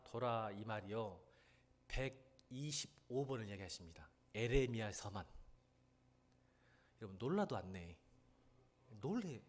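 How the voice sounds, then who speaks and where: A middle-aged male pastor with a Jeolla Korean accent preaching a sermon. He swings from hushed pleading to loud, emphatic questions. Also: mid-range voice.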